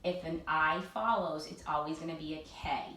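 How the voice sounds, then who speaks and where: A woman teaching a recorded phonics lesson for children, leading clear, sing-song drills that she has the listener echo. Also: low voice, moderate pace, bright, forceful tone, a little hiss or hum. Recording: echoey room.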